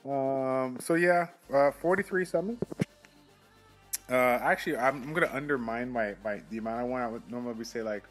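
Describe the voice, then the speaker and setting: A young man hosting a mobile game channel, casually commenting on his summons with quick excited outbursts, recorded on a phone mic. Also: medium pitch, faint music behind.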